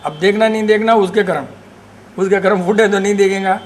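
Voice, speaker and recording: A man's voice: sits high, brisk, a little hiss or hum. A man leading a group session, chatting informally in mixed Hindi and English. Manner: informal, mixes Hindi and English, laughs easily. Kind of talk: casual group talk.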